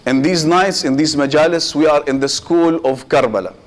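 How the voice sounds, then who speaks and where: His voice runs a little high as this sheikh preaches a Muharram sermon. He talks in short, measured bursts with pauses, addresses the audience head-on, poses rhetorical questions, and drops Arabic religious phrases into his English.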